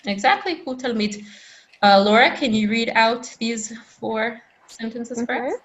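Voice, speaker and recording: A woman teaching a Hebrew lesson over a video call, patient and encouraging, repeating phrases slowly for her students. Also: on the high side, fairly bright tone, highs cut off, slight background noise. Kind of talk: online language lesson.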